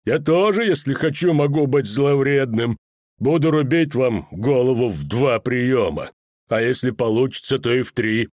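A man voicing a grim, menacing executioner with a muffled, drawn-out voice in an audiobook reading. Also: medium pitch, animated, darkish tone, dry recording, clean studio sound, lightly acted. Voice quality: ominously muffled, slow and drawn out. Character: grim hooded male executioner, menacing, mocking. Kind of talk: audiobook character voice.

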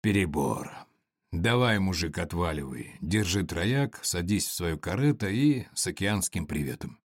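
A man's voice: low voice, lively intonation, unhurried, slightly rough, dry recording, clean studio sound, pitched below the performer's own voice, full character voice. A man voicing a cynical male tourist ringleader who speaks in a brash, dismissive way.

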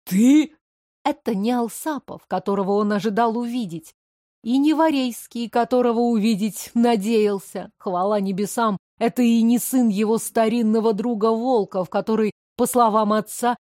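A woman's voice: a little high, normal speed, dark tone, no echo, studio quality. A woman narrating an audiobook in a tense, dramatic storytelling manner. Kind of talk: scripted narration.

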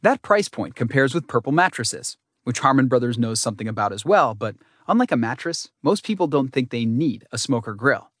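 A man's voice: medium pitch, very animated, a little fast, hardly any pauses, fairly bright tone, no room sound. A man reading nonfiction narration with dry, wry humor. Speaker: audiobook narrator.

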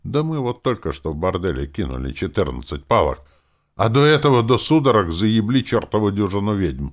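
A man's voice: fairly low pitch, big pitch swings, brisk, pitched above the performer's own voice. A man voicing a brash, crude male elf ghost bard who brags and swears. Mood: boastful.

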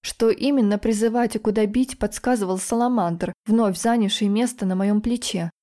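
A woman narrating a fantasy novel in the first person with steady, expressive reading. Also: mid-range voice, normal speed. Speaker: audiobook narrator.

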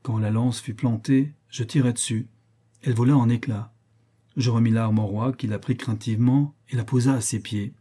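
A man narrating an adventure novel in the first person, steady and storytelling. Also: medium pitch, moderate pace, slightly rough. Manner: steady storytelling with acted dialogue. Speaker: audiobook narrator.

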